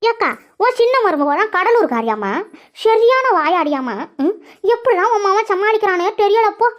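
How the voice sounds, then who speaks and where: A woman voicing a nosy, sharp-tongued old village woman in a cartoon, with a teasing, prying way of asking questions. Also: very high-pitched, big pitch swings, moderate pace. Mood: needling. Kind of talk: cartoon voice acting. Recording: dull lo-fi recording.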